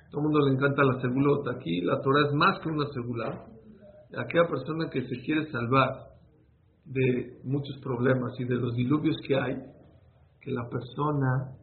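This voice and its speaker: A man giving an informal religious lesson to a small group, telling stories and answering questions as he goes. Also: mid-range voice. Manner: conversational, storytelling, answers listeners' questions. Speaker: rabbi teaching a class. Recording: tinny phone-like sound with faint noise.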